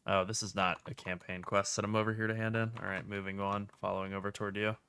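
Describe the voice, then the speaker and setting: A man streaming a video game, chatting casually with dry, relaxed jokes. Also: on the low side, fast, a little hiss or hum. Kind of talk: casual gameplay commentary.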